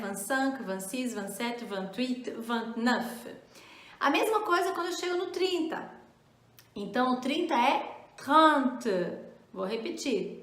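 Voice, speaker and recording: High-voiced woman teaching slowly. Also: fairly bright tone, roomy sound. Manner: encouraging, drills numbers slowly and repeats. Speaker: French teacher. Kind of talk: online language lesson.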